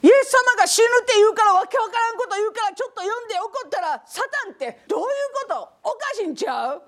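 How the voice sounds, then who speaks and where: Woman acting indignant believer, huffy complaining, high lively voice. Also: fast talker.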